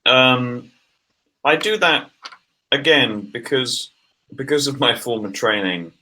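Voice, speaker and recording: A man's voice: medium pitch, animated, takes it slowly, pushed and bright, rough recording. A man playing a tabletop game, describing his character in a wordy, playful way. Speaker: player. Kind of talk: casual tabletop role-play.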